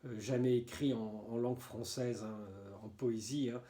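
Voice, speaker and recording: A man's voice: mid-range voice, fairly even intonation, moderate pace, warm tone. A man casually reviewing albums from his own collection, hesitating often, repeating words and tagging his phrases with little filler words. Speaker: music collector presenting albums. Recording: roomy echoey room.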